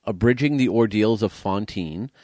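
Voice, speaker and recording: Low-voiced man reading film trivia. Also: moderate pace, a little mellow, no echo. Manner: dry, teasing, reads trivia aloud. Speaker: podcast co-host. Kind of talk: casual chat about old movies.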